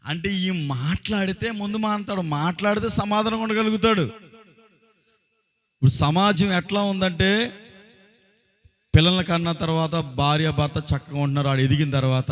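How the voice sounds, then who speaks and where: Higher-voiced man preaching a sermon. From Andhra Pradesh, India. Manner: exhorting, often breaking into short acted quotes and raising his voice; colloquial, rhetorical questions to the congregation. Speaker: pastor.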